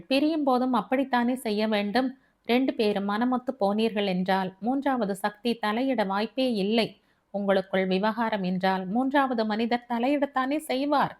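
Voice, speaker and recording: A sincere man who comforts a friend and reasons things through calmly, voiced by a woman reading an audiobook. His voice sits at a medium pitch. He talks in an earnest, gentle way. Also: natural voice.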